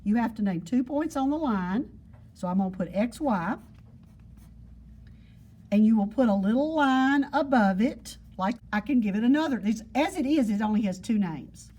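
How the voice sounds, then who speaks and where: A woman's voice: fairly high pitch, expressive, moderate pace, mellow, slightly rough. A woman teaching geometry to a class, explaining patiently and repeating points with everyday examples. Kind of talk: classroom lesson. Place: classroom with students.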